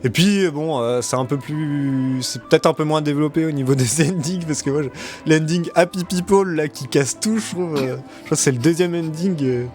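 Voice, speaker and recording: A man's voice: on the high side, normal speed, darkish tone, soft background music. A man hosting a casual discussion, speaking hesitantly in short bursts. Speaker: show host.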